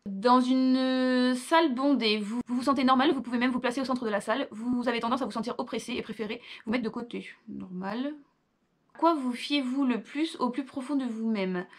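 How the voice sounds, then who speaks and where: A woman's voice: on the high side, brisk. A young woman, reading quiz questions aloud and answering with offhand asides in a casual vlog. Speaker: vlogger.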